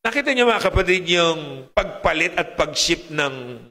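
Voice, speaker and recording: A man preaching a sermon in a lively, rhetorical way, often putting questions to his congregation. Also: fairly high pitch, moderate pace, long reverb tail.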